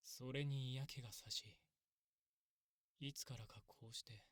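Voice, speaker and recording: Man as a husky, courteous elf priest, ASMR role-play. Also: mid-range voice, steady tone, no room sound, studio quality, lightly acted. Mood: reflective, sad. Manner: very polite, soft, measured. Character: kindly, courteous, long-lived male elf priest, wistful and gentle.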